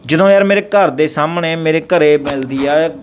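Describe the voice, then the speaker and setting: A man's voice: on the high side, normal speed, a little hiss or hum. A middle-aged man with a Punjabi accent, interviewed, speaking in a distressed, pleading way and repeating himself. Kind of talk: casual street interview.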